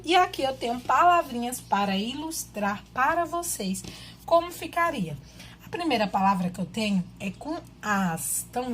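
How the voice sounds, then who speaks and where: A woman's voice: mid-range voice, a little hiss or hum. A woman teacher, giving a children's literacy lesson and patiently sounding out syllables one at a time.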